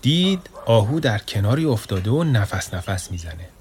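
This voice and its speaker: A man narrating a children's story in a steady, plain way. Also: lowish voice, slight background noise.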